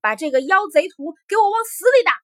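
A man's voice: big pitch swings, moderate pace, breathy edge, heavily acted. A woman voicing a greedy, furious old male emperor who bellows his orders, in a storybook tale. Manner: loud, booming and bullying.

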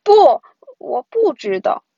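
A woman voicing a timid little boy who is easily scared in a storybook, talking in a hushed, whiny way. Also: high voice, big pitch swings, moderate pace, breathy edge, dry recording, dull audio, voice pushed up, exaggerated voice. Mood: fearful.

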